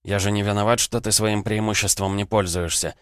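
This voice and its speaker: A man's voice: fairly low pitch, little pitch movement, fairly quick, a bit bright, smooth, dry recording, clean studio sound, close to an everyday voice. A man voicing a sly, wheedling little male crossroads demon, speaking in an ingratiating, self-pitying way in an audiobook.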